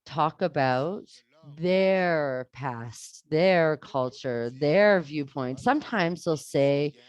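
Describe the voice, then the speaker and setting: A teacher earnestly shares classroom stories in a webinar talk, animated and often restarting her sentences. Her low, smooth voice moves extremely slowly, and the recording is dry.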